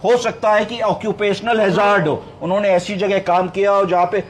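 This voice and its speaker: A man's voice: sits high, little pitch movement, moderate pace. A male doctor teaching clinical medicine step by step, asking questions and then answering them himself, with English medical terms mixed into his speech. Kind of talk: explanatory medical lecture.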